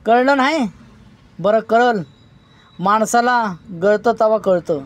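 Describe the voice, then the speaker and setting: A woman reading a Marathi village story, voicing an angry young man who shouts and scolds. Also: a little high, slow. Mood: harsh.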